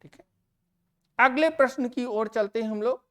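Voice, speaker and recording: A woman runs a grammar lesson aimed at exams, her voice slightly high and a bit bright. Each answer word gets repeated and stressed, delivered at a slow, deliberate pace for the class.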